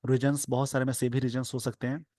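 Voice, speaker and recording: A man with an Indian accent teaches English from a newspaper editorial, reading English phrases slowly and explaining them in Hindi. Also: medium pitch, little pitch movement, warm tone, no echo.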